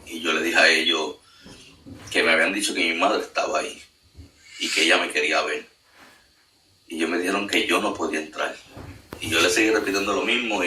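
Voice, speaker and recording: Earnest man, low voice, testimony; echoey room, distant mic, faint noise. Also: pushed and bright. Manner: earnest, storytelling with many fillers. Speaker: guest sharing a testimony. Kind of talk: emotional spoken testimony.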